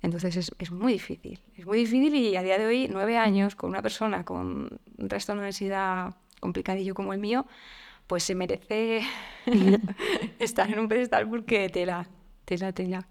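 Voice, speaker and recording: A woman's voice: medium pitch, steady tone, moderate pace, gravelly. Reflective woman guest talking openly. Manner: open and reflective, with frequent fillers and soft laughs. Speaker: podcast guest. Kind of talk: candid conversational interview.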